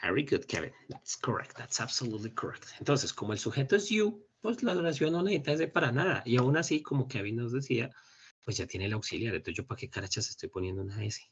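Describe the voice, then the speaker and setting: A man teaching an English class over a video call, explaining in Spanish and slowly modeling English phrases. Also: mid-range voice, lively intonation, breathy edge. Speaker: English instructor. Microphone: computer mic on a video call. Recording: dull lo-fi meeting recording.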